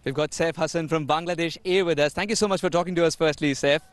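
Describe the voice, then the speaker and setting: A man's voice: fairly high pitch, steady tone, fast, no echo. A man working as a broadcast sports interviewer, asking polished, articulate questions. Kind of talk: pre-match cricket interview.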